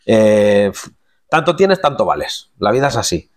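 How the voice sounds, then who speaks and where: A man, a voice impressionist, chatting relaxed and colloquially as an interview guest, now and then slipping into imitations. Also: fairly low pitch, unhurried. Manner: relaxed, colloquial, drops into impressions mid-sentence. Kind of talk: casual interview chat.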